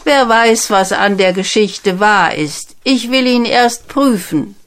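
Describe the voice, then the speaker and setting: Eine Frau, die in einer Märchenlesung einen strengen, misstrauischen alten König spricht, langsam und nachdrücklich. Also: female voice, medium pitch, slow, voice pushed up, close to an everyday voice. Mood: stern. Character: stern old king, commanding and suspicious.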